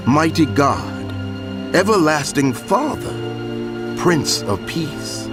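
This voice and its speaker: A man giving a solemn, declamatory dramatized scripture reading with deliberate pauses. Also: medium pitch. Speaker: scripture narrator. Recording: music bed under the voice. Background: background music.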